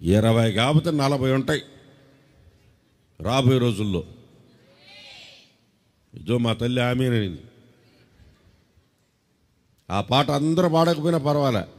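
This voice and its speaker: A man's voice: mid-range voice, measured pace, long pauses, in a large hall. A man with a Telugu accent preaching a sermon, teasing and quizzing his congregation and leading them in call-and-response. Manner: lively, teasing, quizzes the crowd and breaks into song. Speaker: pastor.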